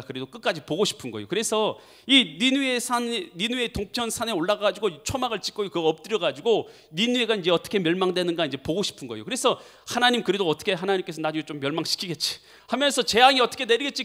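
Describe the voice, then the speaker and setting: A male pastor preaching a sermon, telling the story vividly and acting out the dialogue. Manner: animated storytelling, acting out dialogue with big pitch swings.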